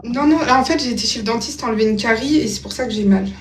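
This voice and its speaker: A woman's voice: a little high, fast, slight background noise. A woman with a slight lisp on her s sounds, chatting casually as the host of a livestream.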